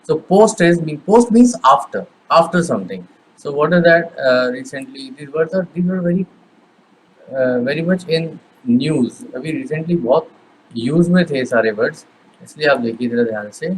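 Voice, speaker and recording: A man's voice: fairly high pitch, animated, a little hiss or hum, rough recording. A male teacher with an Indian accent, switching between Hindi and English as he explains grammar and repeats each word on the board. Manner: slow, repeats words while writing on a board. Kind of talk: classroom grammar lesson.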